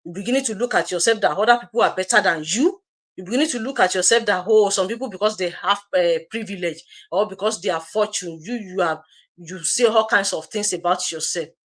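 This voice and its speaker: A woman's voice: mid-range voice, fairly quick, a bit bright. A woman in a mid-range voice delivers a motivational live talk to an online audience. She speaks directly to the viewer and leans on repetition, saying key lines twice for emphasis. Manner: emphatic, repeats phrases for emphasis; direct, addresses viewers as you. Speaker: co-host of an online business community livestream.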